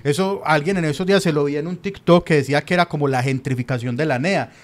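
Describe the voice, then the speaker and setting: A man's voice: a little high, fast. A young man with a Colombian paisa accent, co-hosting a casual chat, rambling and opinionated with lots of slang. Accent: Colombian paisa Spanish. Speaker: podcast co-host.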